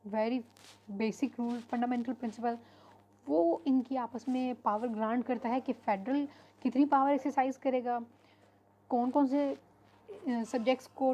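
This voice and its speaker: A woman teaches an online lecture in a fairly high voice that still sounds mellow and warm. She explains things unhurriedly, pausing on frequent fillers and mixing English terms into her Hindi-Urdu, and the sound is lo-fi.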